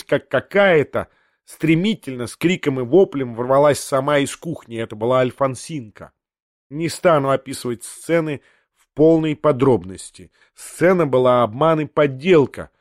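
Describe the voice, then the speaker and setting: A man reading a literary audiobook in measured, expressive storytelling. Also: medium pitch, no echo, clean studio sound. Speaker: audiobook narrator.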